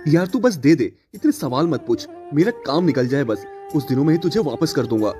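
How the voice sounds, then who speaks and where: A man's voice: fairly high pitch, lively intonation, normal speed, music in the background, lightly acted. A man voicing a hot-tempered, suspicious farmer in a cartoon story, talking in a sulky, accusing way.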